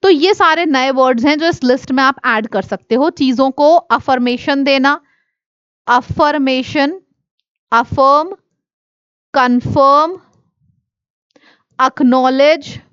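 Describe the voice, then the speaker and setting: A woman teaching exam vocabulary, listing synonyms and antonyms in quick drilling runs. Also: high-pitched, fairly bright tone, no room sound, dull audio. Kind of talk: exam-prep vocabulary lesson.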